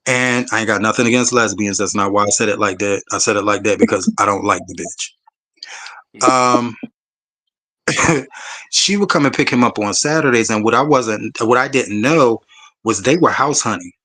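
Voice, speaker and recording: A man's voice: on the low side, normal speed, bright, forceful tone. A man tells his own story to a panel. He talks emphatically and bluntly, with a lot of swearing, like a conversation between friends.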